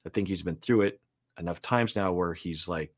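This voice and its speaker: This therapist, a co-host reacting to a reality show, has a low-sitting voice and a moderate pace. His commentary is casual, thoughtful, and hesitant as he breaks down relationship patterns.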